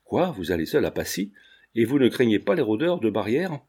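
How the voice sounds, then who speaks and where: A man's voice: lowish voice, big pitch swings, fairly quick, a little mellow, husky. A man reading aloud and voicing an earnest, romantic young painter who speaks firmly. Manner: firm, earnest.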